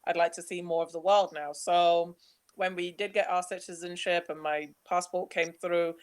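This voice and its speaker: A young woman from Nigeria, speaking, gives a chatty, animated webinar talk about her travels while slides are changed. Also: fairly low pitch, moderate pace. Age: young adult. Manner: chatty, animated, laughs easily.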